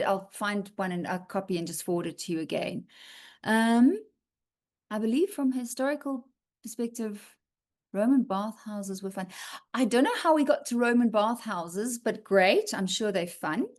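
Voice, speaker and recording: Her voice is mid-range and a little mellow. She hosts a writing feedback session over video call, chatting casually as she reads out and responds to comments, regularly checking in with writers by asking "okay?" to reassure them.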